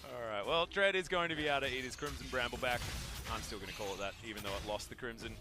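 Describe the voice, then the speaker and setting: A man doing play-by-play commentary on an esports match, getting loud and excited when fights break out. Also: mid-range voice, quick pace, over music. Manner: excitable, rising to shouts in fights. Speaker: esports caster.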